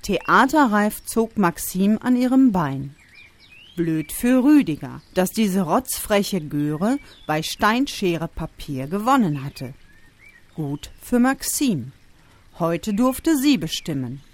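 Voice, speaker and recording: A woman reading a children's story aloud with expressive storytelling. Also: mid-range voice, slow pace. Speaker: narrator.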